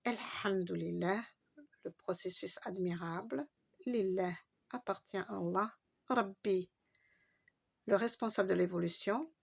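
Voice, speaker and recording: A woman's voice: medium pitch, measured pace, creaky, pauses often, husky. A woman giving a patient, step-by-step Arabic reading lesson, spelling out letters and stretching long vowels. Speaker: Arabic teacher.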